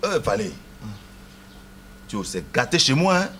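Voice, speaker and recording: An actor with an Ivorian French accent playing a worried unfaithful husband, lamenting to a friend. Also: male voice, mid-range voice, sing-song, unhurried, bright, forceful tone, slight background noise. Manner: anxious, lamenting. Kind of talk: TV drama acting.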